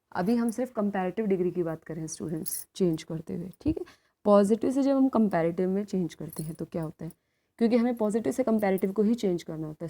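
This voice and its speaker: Woman teacher, warm low-toned voice, patient, asks and answers her own questions. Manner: asks questions and answers them herself, calls students beta; reads rules slowly and clearly. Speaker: school teacher. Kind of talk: classroom grammar lesson in Hindi-English mix.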